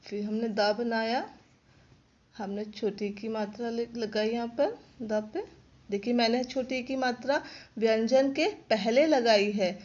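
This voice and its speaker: A female class teacher, giving a slow lesson to young pupils and repeating sounds and words clearly. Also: on the high side, darkish tone. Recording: dull lo-fi recording.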